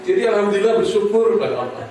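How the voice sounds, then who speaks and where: A man's voice: sits high, sing-song, quick pace, a little mellow. A man preaching a humorous sermon at a home gathering, telling stories, addressing the audience directly and leading them in recitation. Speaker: Islamic preacher. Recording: very echoey, distant mic, crowd audible.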